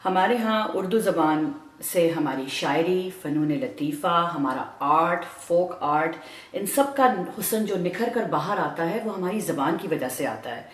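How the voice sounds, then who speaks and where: Lower-voiced woman, earnest and formal. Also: lively intonation. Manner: earnest, formal Urdu vocabulary. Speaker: panelist. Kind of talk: casual panel discussion. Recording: echoey room.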